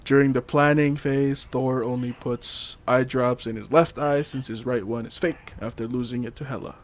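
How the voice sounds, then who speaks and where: A man's voice: medium pitch, fairly even intonation, normal speed. A man hosting a casual chat, reading trivia notes loosely with fillers, laughs and the odd swear. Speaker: podcast host.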